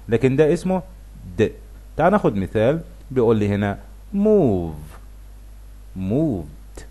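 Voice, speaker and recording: A middle-aged Egyptian man with an Egyptian Arabic accent teaches English pronunciation. His voice moves up and down with animated intonation, and he slows right down to stretch out each example word. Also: a little high. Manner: lively, stretches words slowly to demonstrate sounds. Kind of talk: explaining pronunciation to viewers.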